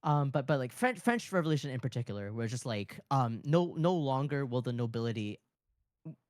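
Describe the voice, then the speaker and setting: An excitable streamer talks casually on a livestream at a medium pitch. Words and short phrases come out repeated in eager bursts. The sound is dry, with very little room in it. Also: a little fast, no room sound. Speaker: streamer, pianist and composer.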